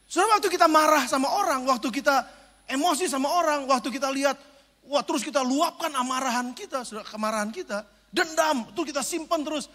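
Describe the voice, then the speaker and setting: A man preaching as a pastor, animated and joking, swinging between loud preaching and quiet asides. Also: very high voice, fast talker. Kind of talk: sermon. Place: large church hall. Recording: reverberant church hall.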